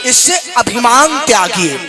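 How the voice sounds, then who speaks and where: A man preaching a devotional sermon to a live audience, shifting from talk into slow, melodic chanting of Sanskrit verses and asking the listeners questions. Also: very high voice, big pitch swings, over loud music. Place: hall with a seated audience.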